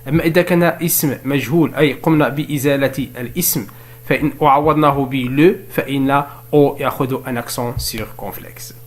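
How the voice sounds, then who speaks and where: A man teaching a French spelling lesson in another language, explaining step by step, asking and answering his own questions, and dictating examples slowly. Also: mid-range voice, fairly even intonation.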